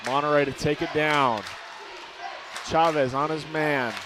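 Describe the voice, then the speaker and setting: A young man doing color commentary at a high school basketball game, jokey and quick to exclaim. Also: fairly even intonation. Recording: loud crowd and gym noise.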